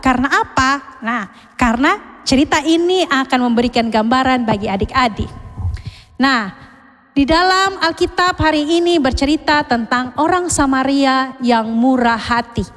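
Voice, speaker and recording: A Sunday school teacher, telling a story to children and asking them questions, with a long hall reverb. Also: female voice, high voice. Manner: lively, questioning the children often.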